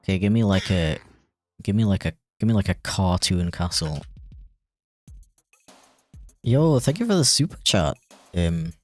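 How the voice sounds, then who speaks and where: Low-voiced man chatting on a livestream. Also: sing-song, a little slow, pauses often, dry recording, faint music behind. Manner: rambling and self-deprecating, many fillers. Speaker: animator streaming while drawing. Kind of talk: casual livestream chat.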